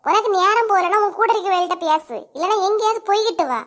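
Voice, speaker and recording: A woman voicing quarrelling village women in a cartoon comedy, sharp and scolding, with a Kanyakumari Tamil accent. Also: very high voice, fast. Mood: quarrelsome. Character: bickering village women neighbours, quick-tempered.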